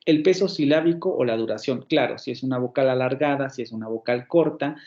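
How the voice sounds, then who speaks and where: A man's voice: mid-range voice, fairly quick, darkish tone. Man lecturing over a dull call. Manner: explanatory, repeats examples aloud and checks in with the class. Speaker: university phonetics professor. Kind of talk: online university lecture. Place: indoor room with a window. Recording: dull lo-fi online class audio.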